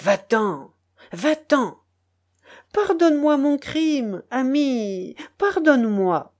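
A woman's voice: a little high, very animated, slow pace, a little mellow, pitched above the performer's own voice, exaggerated voice. Woman voicing a pleading young peasant man. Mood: tearful pleading. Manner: begging, tearful.

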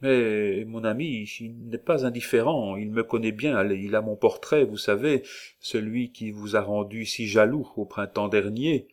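A man reading the part of a gentle, devoted young woman, speaking softly and earnestly. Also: lowish voice, unhurried, lightly acted. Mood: tender.

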